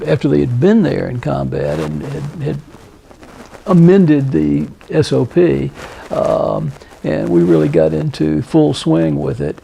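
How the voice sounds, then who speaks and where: Gravelly older American veteran remembering. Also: male voice, on the high side, warm tone. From Tennessee, United States. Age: 70s. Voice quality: gravelly, husky. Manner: old veteran remembering, deliberate with hesitant pauses and emphatic phrases. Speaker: Vietnam veteran being interviewed. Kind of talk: recounting memories in an interview.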